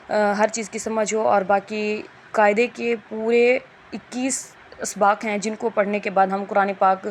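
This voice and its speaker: Woman teacher, patient and explanatory, mid pitch, slight background hiss. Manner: patient, explanatory, drawn-out letter sounds. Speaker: Quran reading teacher. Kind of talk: Urdu lesson lecture.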